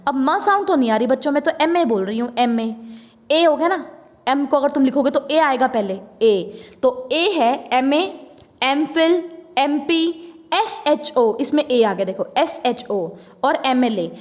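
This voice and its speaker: A woman with an Indian accent teaching English grammar to children, explaining each rule slowly and repeating words so they can be practised. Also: sits high, animated, in a large hall. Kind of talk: classroom lesson.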